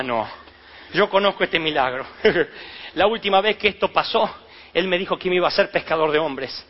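A high-voiced man preaching a sermon, acting out the story with animated voices and sudden shouts. The sound is dull and lo-fi, like a live church recording.

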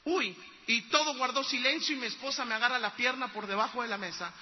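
High-voiced man preaching in a reverberant hall. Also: fast talker, lo-fi sound. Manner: earnest storytelling that builds to loud exhortation. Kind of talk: storytelling sermon.

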